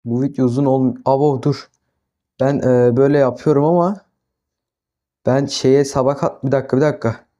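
A man's voice: mid-range voice, steady tone, normal speed, dull audio. A young man casually commenting as he plays a farming game, talking to himself and flaring into exasperated outbursts. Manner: talks to himself, flares into exasperated yelling at the animals. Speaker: gaming YouTuber. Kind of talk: casual Minecraft let's-play commentary.

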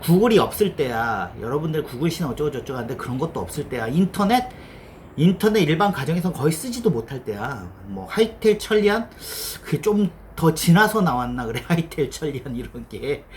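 A man's voice: fairly high pitch, big pitch swings, fairly quick, a little mellow, a little hiss or hum. A middle-aged man lecturing casually as a developer, blunt and teasing, swearing now and then and acting out quoted asides. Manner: voices his past self and others in quoted asides. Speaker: developer giving career advice.

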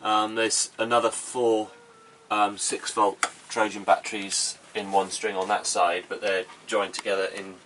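A man's voice: lowish voice, little pitch movement, unhurried, hardly any pauses, fairly bright tone. A man in his thirties casually explaining the gear in his sailboat's cabin, practical and plain-spoken. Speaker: boat owner giving a tour. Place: cramped boat cabin, indoors. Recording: slightly distant mic with faint background noise.

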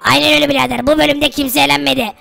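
A woman voicing a cowardly poor family father in a Minecraft role-play video, loud and complaining. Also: high-pitched, steady tone, rapid-fire, gravelly, heavily acted. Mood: scared, complaining.

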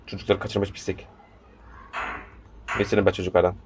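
Low flat-voiced man commenting gameplay. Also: fairly quick, slight background noise. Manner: talks to the game, urging and scolding. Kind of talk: casual let's-play commentary.

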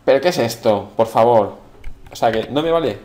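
Excitable man with lively pitch. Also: normal speed. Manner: excitable, exclamatory reactions. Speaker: gameplay commentator. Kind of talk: let's play commentary. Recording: audible background noise and keyboard clicks.

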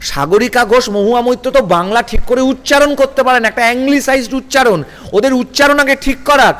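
A combative man, talking in a high-pitched voice as he fires off rhetorical grievances in bursts. His voice echoes with a long reverberant tail, as in a large room. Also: a little fast, a bit bright. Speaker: political guest. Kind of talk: heated political interview.

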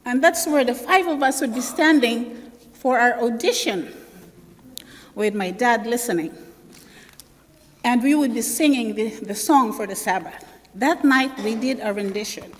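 A woman's voice: on the high side, a little slow, long pauses, a little hiss or hum. Woman preaching in a reverberant church. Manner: animated storyteller, acts out family voices. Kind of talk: sermon with personal storytelling. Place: church sanctuary.

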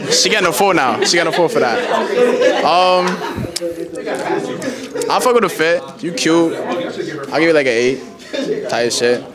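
A man's voice: a little high, unhurried, pauses often, over loud music. A man hosting a casual street rating game, with laid-back, slangy banter. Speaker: host. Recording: loud crowd behind.

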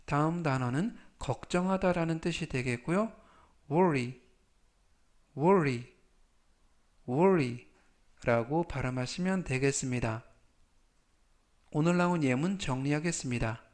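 A man teaching English vocabulary in Korean, reading each word and example sentence slowly three times with formal, polite phrasing and a Korean accent in English. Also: a little high. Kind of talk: slow, patient vocabulary lesson.

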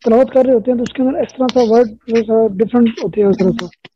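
A man's voice: extremely high pitch, fast talker, highs cut off, slight background noise. A male student asking questions in an online class, hesitantly trying out the sounds. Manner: hesitant, tries the sounds out loud.

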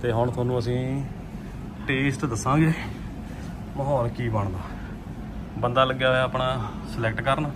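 A man's voice: mid-range voice, normal speed, long pauses. A man hosting a casual food vlog, joking and talking to his viewers from a car and then a restaurant, filmed on a phone. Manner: lively, joking, talks to viewers. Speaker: food vlogger host. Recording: noisy street and car sound.

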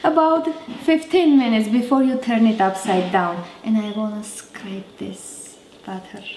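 Slow-talking woman with Armenian accent. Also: mid-range voice, steady tone, darkish tone, a little hiss or hum. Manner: chatty, self-correcting, halting English. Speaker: cooking show host. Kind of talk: casual cooking demonstration. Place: roomy home kitchen, indoors. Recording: echoey kitchen with background music.

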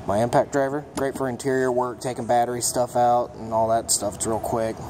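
In a noisy indoor auto repair shop, a young man with a mid-range voice chats briskly while touring his toolbox for a casual vlog. He's relaxed and plainspoken, dropping many ums and uhs, and he films first-person on a handheld phone as shop sounds and AC hum carry on behind him.

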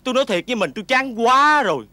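An actor playing a lazy, greedy farmer husband who whines and complains. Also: male voice, very high-pitched, big pitch swings, very fast, pushed and bright, no room sound, exaggerated voice. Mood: grumbling. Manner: whiny, grumbling and complaining. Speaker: greedy farmer husband in a folk-tale film. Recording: noisy old film soundtrack.

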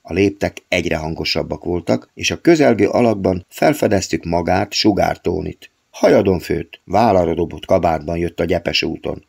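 A man narrating an audiobook of his own novel in a steady storytelling read. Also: low-pitched, vocal fry, few pauses, breathy edge.

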